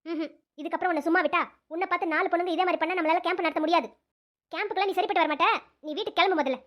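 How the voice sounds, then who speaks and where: A stern middle-aged camp teacher in a cartoon, played by a woman scolds with authority. The voice is very high-pitched and rapid. She sounds firm and commanding. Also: fairly even intonation, fairly bright tone. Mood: angry. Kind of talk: cartoon voice acting.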